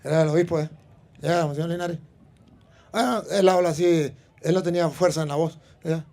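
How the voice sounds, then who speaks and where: A male priest giving a sermon, telling a story and acting out the people in it with animated delivery. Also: on the high side, fairly quick. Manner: animated, acts out the people in his stories.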